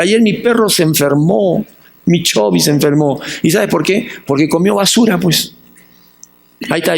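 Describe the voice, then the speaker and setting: A Peruvian pastor preaching a sermon in lively Spanish, asking questions and answering them himself, and acting out the people he quotes. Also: high voice. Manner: acts out the voices of the people he quotes.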